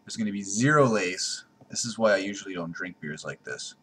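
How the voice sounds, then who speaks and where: Indoors in a small room at home, a man reviews a beer to his desk webcam with a low voice, brisk pace and lively intonation. A little hiss or hum sits under his blunt, sarcastic talk, and his loudness jumps around.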